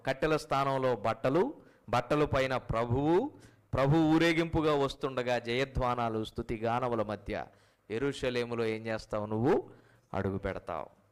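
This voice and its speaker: A man preaching a sermon, firing rhetorical questions at his congregation and calling out to them directly, swinging from loud high peaks to quiet low endings. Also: clean tone. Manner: addresses listeners directly as mothers and fathers. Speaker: pastor.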